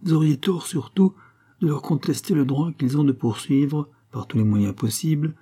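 A man voicing a composed, dignified doctor who answers in calm, measured tones. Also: a little high, slightly rough, pitched above the performer's own voice.

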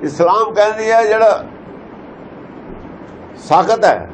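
A man's voice: high-pitched, takes it slowly, slight background noise. A man explaining scripture verses to listeners, emphatic and pressing pointed rhetorical questions. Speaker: scripture teacher. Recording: dull lo-fi recording.

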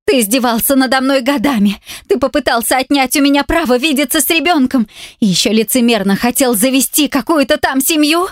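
A woman reading an audiobook voices a frightened young woman with a high, tearful, strained voice. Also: normal speed, no room sound, studio quality, lightly acted. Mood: defiant. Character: frightened young woman pleading, then defiant.

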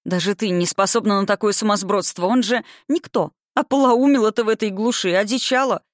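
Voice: mid-range voice, a little fast, no echo, clean studio sound, close to an everyday voice. A reader voicing a fussy governess. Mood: fretful. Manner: emphatic, theatrical dismay. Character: fussy middle-aged female governess. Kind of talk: audiobook reading.

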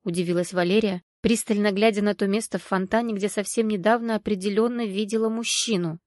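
Her voice is medium in pitch as she reads an audiobook script in a steady, measured storytelling style, captured in a clean, dry studio recording.

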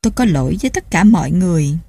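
An older patriarch racked with guilt, read by a woman narrator pours out an anguished confession. The tone is husky and warm, with no deepening pushed far. It is recorded dry and close. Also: animated, very fast, dry recording. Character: guilt-stricken older man, family patriarch.

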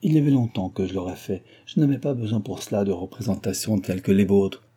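An earnest, distressed young heiress from a classic novel, given voice by a male reader. She pleads her case in a raised, careful tone over a dark, husky vocal base. This is storybook narration from an audiobook. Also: on the low side, quick pace.

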